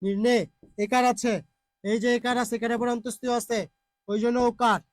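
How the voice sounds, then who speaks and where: A man's voice: very high-pitched, flat delivery, moderate pace, no room sound, clean studio sound. A man who is unwell teaches Bengali spelling and pronunciation in a live online class, reading out viewer comments and patiently repeating words to drill them.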